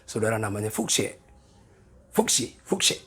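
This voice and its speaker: A pastor in his sixties preaching a sermon, animated and joking with the congregation, with a gravelly, husky voice. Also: lowish voice, moderate pace. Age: 60s. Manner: animated, jokes with the congregation, voices people in quoted asides.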